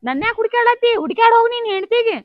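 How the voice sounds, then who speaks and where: Heartbroken young woman, as a performer plays her, North Karnataka Kannada accent, very high voice, quick talk. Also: lively intonation, narrow, tinny audio. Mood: despairing. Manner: sulky, stubborn, repeats herself. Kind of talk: comedy skit acting.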